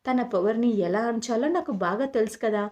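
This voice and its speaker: A woman's voice: on the high side, fairly quick, natural voice. A woman reading a reassuring young husband. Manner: calm, reassuring.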